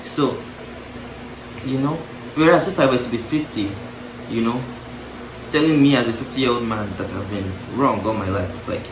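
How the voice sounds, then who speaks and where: Talking from across an echoey room, a young man delivers a casual, reflective vlog monologue to camera, musing and interrupting himself with playful, laughing asides. He has a medium-pitched voice, a moderate pace and long pauses, and the distant mic picks up clear background noise.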